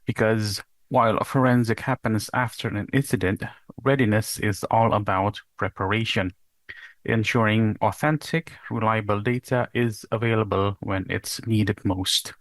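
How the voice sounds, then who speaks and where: A young man from Indonesia presents his doctoral research in a recorded conference talk. His voice sits on the low side, and he explains step by step, sometimes posing rhetorical questions. The recording is dry and close, with no room sound. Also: fairly even intonation, normal speed, no echo.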